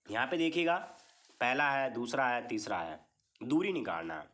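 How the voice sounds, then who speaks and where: A man with a medium-pitched, sing-song voice speaks at a moderate pace with a slightly bright tone. He teaches maths the way a classroom teacher would, going step by step and often checking in with "theek hai", and he poses questions he then answers himself.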